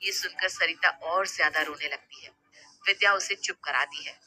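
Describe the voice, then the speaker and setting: A woman narrating an animated story in a plain, even storytelling manner. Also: fairly low pitch, normal speed, no echo.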